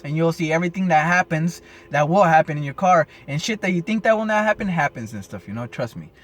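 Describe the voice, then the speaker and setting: A man with a notably high voice talks casually to his camera as a rideshare driver, rambling and swearing freely. He pads his sentences with filler and sounds caffeinated and wired in the early morning. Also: lively intonation, quick pace. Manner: rambling, profane, full of "and stuff, you know". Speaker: rideshare driver giving advice. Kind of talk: casual unscripted vlog.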